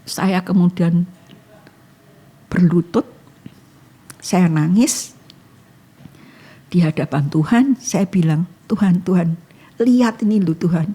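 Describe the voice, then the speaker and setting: A woman's voice: on the low side, takes it slowly, long pauses, mellow, breathy edge. A woman giving an emotional testimony in casual talk, acting out her own prayers. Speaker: guest sharing a testimony.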